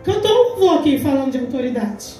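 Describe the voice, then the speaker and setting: A woman's voice: sits high, sing-song, quick pace. A Brazilian woman in her forties, a deaconess, giving an emphatic testimony sermon at a church women's congress and acting out the dialogue she recounts. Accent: Brazilian Portuguese. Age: 40s. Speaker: deaconess preaching. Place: large church hall. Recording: echoey church hall from far off, faint music.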